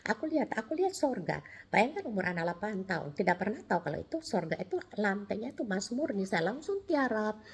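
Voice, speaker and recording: Breathy woman telling a personal testimony. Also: medium pitch, quick pace. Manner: animated storytelling with many restarts, acting out dialogue. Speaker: testimony speaker.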